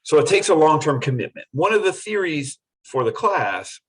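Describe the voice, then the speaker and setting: A man's voice: a little high, sing-song, normal speed, husky, rough recording. A middle-aged man lecturing a university class in an earnest, repetitive way. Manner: earnest, repetitive, acts out students in quotes.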